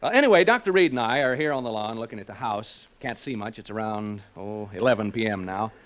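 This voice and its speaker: An actor voices a skeptical, wisecracking male reporter covering a ghost hunt in 1940s radio-drama style, chatting breezily with listeners. His voice is fairly low, expressive and bright, delivered briskly and jokingly. The recording is a dull, old 1940s radio capture.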